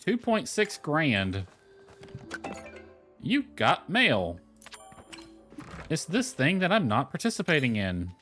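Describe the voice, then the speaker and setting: A game streamer rambles casually through livestream commentary while he plays, thinking aloud over background music. His voice is a little high and fairly bright, with huge pitch swings, a slow pace and long pauses.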